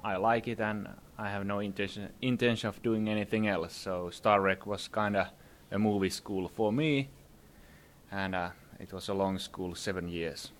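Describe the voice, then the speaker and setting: A young man, a filmmaker guest at a conference summit venue, answers interview questions hesitantly, with lots of fillers and some laughter as he talks. His voice is lowish, with fairly even intonation and a moderate pace. There's a little hiss or hum.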